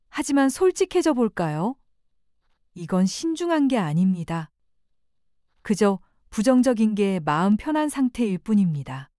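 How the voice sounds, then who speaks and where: A woman reading a scripted self-help narration in a calm, reflective, gently persuasive way. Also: mid-range voice, dry recording, studio quality.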